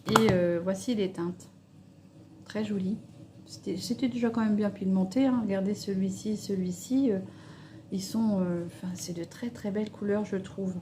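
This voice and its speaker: A woman's voice: medium pitch, steady tone, moderate pace, a little mellow, slight background noise. A woman vlogger chatting casually and hesitantly about makeup palettes, swatching them on her hand while she talks. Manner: chatty, hesitant, with many fillers. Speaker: beauty vlogger. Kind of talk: casual makeup review chat.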